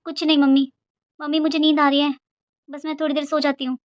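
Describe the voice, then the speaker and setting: A woman's voice: sits high, level tone, fast, no room sound, lo-fi sound, natural voice. Woman voicing a subdued, hurt young mother. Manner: soft, subdued, resigned. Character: weary, hurt young mother staying at her parents' home.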